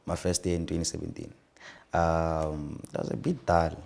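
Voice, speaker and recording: A young man with a South African accent talks at ease in an interview, his voice sitting very low. He laughs easily and often circles back over his words. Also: little pitch movement, normal speed, vocal fry, darkish tone. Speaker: actor guest. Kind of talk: casual interview chat.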